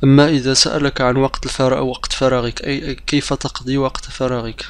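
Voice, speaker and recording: Gravelly man teaching a beginner lesson. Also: medium pitch, level tone. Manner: repeats example phrases slowly, drill-like; explains briskly, hesitant fillers. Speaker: language teacher.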